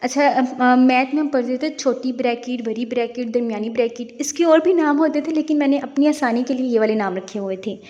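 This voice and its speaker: A woman's voice: high voice, a little fast, hardly any pauses, darkish tone, long reverb tail, lo-fi sound. A young woman who hosts a channel, explaining a writing lesson step by step with examples. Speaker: teacher and channel host.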